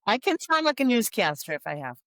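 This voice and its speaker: Lively woman with a Boston accent. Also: fairly high pitch, fairly quick, no room sound. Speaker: podcast guest. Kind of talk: casual chat.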